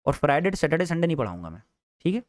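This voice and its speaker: A man's voice: a little high, big pitch swings, rapid-fire, dry recording, studio quality. A man teaching a live trading class in a chatty, teasing way, repeating each point. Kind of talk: casual live class lecture.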